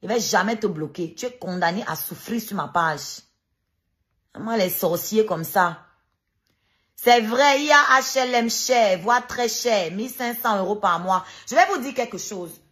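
Speaking at a measured pace in an expressive, slightly bright mid-range voice, an online live streamer rants heatedly. She turns combative and sarcastic, repeating her points with emphasis to hammer them home.

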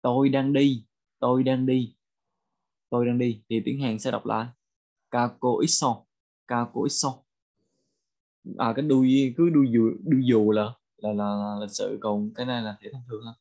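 A man with a Vietnamese accent teaching a bilingual vocabulary lesson, repeating each phrase slowly for learners. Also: mid-range voice, steady tone, mellow. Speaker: language teacher.

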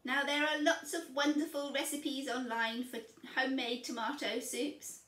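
A woman's voice: high voice, level tone, normal speed, a bit bright. A woman in her fifties chatting cheerfully as she shows each step of cooking in her home kitchen. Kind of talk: casual kitchen demonstration. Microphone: camera mic at a distance. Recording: roomy kitchen sound, mic a little far off.

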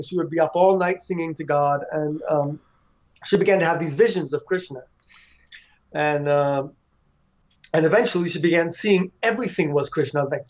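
A man telling a long story in conversation, loose and relaxed, with frequent fillers and restarts. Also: a little high, lo-fi sound. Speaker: author and devotee.

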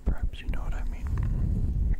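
A man in his twenties whispering softly and soothingly in a breathy, hesitant way, very close to the microphone, as an ASMR creator. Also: unhurried, dull audio. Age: 20s. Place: small dim bedroom, indoors. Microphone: microphone inches from the mouth.

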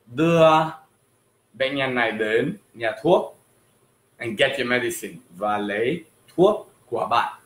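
A man teaching English on a livestream, slowly drawing out words so viewers can repeat the pronunciation. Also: medium pitch, a bit bright, slight background noise. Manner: slow, drawn-out words for drilling pronunciation. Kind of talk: livestream language lesson. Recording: echoey room.

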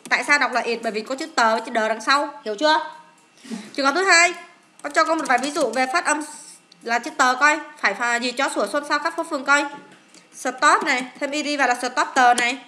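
A Vietnamese-accented woman teaches in a high, bright voice, firing questions at her students and answering them herself. Her coaxing classroom manner stays lively throughout. Faint noise sits behind her. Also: quick pace. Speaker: English teacher. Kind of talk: classroom-style lesson explaining an exam.

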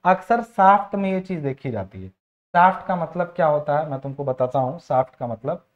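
A man's voice: on the high side, lively intonation, normal speed. A man teaching engineering in a chatty classroom lecture. He repeats phrases, asks his students questions and slips English technical terms into his sentences. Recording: dull lo-fi recording.

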